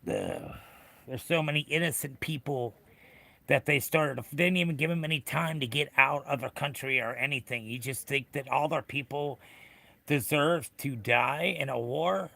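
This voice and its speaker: Middle-aged American male livestreamer, heavily gravelled whiskey voice with a forceful edge, rambling, blunt, off-the-cuff chat. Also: medium pitch, sing-song, moderate pace. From United States. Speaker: livestream host. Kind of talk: casual chat with viewers.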